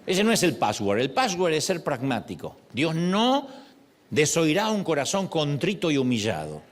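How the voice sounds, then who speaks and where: A middle-aged man preaching a sermon as a pastor, expressive and acting out quoted prayers. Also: on the high side, moderate pace.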